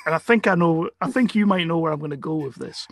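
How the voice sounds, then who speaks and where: A man's voice: fairly high pitch, animated, fast talker, dry recording, studio quality. A man hosting a podcast interview, teasing his guest in a jokey way. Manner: jokey, laughs often. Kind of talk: casual interview chat.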